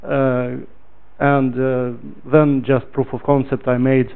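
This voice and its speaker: A man's voice: mid-range voice, slow pace, smooth. A man from Ukraine giving a technical talk at a meetup, speaking English with frequent "uh" fillers. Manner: relaxed, filler-heavy, loud when projecting to the room. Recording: tinny phone-like audio.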